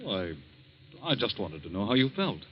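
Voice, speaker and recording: A breezy, scheming husband. He speaks low but with a lively lilt, casual and offhand. The audio is dull and scratchy, like an old broadcast. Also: moderate pace. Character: smooth, scheming husband, middle-aged. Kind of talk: 1940s radio acting. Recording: scratchy 1940s radio recording.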